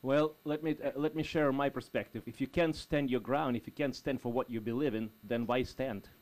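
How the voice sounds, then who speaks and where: A man co-hosting a call-in talk radio show, speaking in a halting, folksy way with many restarts. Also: mid-range voice, steady tone, a little mellow. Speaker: radio co-host.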